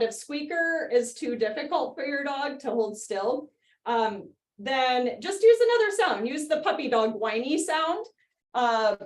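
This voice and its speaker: A young woman, a dog trainer, explaining stay exercises in a chatty way with frequent giggles, on a video call. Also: high-pitched. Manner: chatty, giggly, gives short cues to a dog. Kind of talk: live online training demo.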